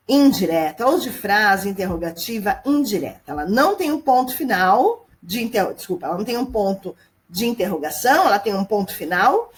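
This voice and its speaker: A woman teacher, giving a patient grammar lesson over a screen recording and checking in with her students. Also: on the high side. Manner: patient, explanatory, constant check-ins with students. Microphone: computer mic at home screen recording.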